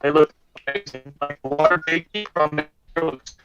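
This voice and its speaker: A man's voice: on the high side, fairly even intonation, fairly quick, music in the background. A man chatting casually on a podcast call, his voice breaking up over a glitchy connection. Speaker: podcast panelist. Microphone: remote call mic. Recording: dull lo-fi call audio.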